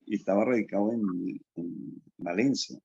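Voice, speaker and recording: A man's voice: fairly low pitch, moderate pace, gravelly, mellow, slightly rough, dry recording, highs cut off. A man from Venezuela with a Venezuelan accent, speaking politely as a participant in a group meeting. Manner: polite, brief acknowledgments. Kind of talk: casual conversation.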